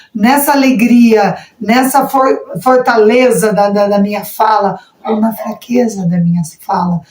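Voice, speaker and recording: Expressive Brazilian woman teaching, echoey room. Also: on the high side. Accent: Brazilian Portuguese. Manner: expressive, demonstrates intonation while teaching. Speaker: sign language interpreting instructor. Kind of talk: church training lesson.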